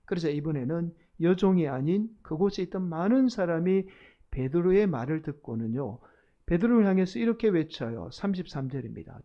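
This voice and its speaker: A male senior pastor giving an expository sermon, retelling the story and speaking directly to the congregation. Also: fairly high pitch. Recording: dull lo-fi sound.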